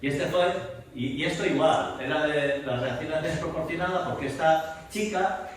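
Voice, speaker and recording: A man with a fairly high voice lectures in a big echoey hall, picked up from far off with faint ambient noise. He teaches by reciting verse with lively emphasis. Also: moderate pace. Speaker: theater director and voice teacher. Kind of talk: lecture in a masterclass. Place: large echoey room. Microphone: distant room mic.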